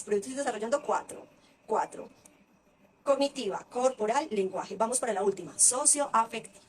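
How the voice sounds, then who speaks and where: Brisk, high-voiced woman educator. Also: slight background noise. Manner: lively and emphatic, piling up short lists. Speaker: early-childhood parenting educator. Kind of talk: casual teaching talk to parents.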